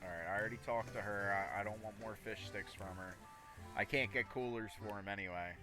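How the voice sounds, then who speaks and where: A man's voice: lowish voice, fairly quick, over music. A man giving casual, rambling live commentary as he plays a game, often talking to himself. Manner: rambling, talks to himself while playing. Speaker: gaming streamer.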